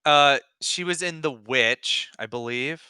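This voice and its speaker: A man's voice: on the high side, slow, sharp tone, clean tone. A young man co-hosting a gaming podcast in casual chat, rambling and fumbling for names. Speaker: podcast co-host.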